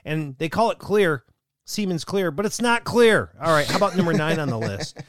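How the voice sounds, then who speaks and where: A man co-hosting a casual chat show, telling stories in a joking way with quick asides. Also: fairly high pitch, expressive, fairly bright tone, slight background noise. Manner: jokey storytelling, quick asides and laughs. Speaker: co-host.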